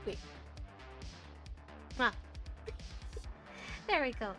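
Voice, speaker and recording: Speaking very slowly with big pitch swings, this American woman has a fairly high, bright, forceful voice, with faint music in the background. She streams and reads viewer messages in a casual, chatty, giggly manner marked by many fillers and restarts.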